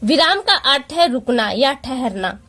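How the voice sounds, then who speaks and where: A woman teaching an exam-prep lesson, explaining patiently step by step with rhetorical questions and slowing down to read out examples. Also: high-pitched, lively intonation, sharp tone. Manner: slows down to read out example sentences.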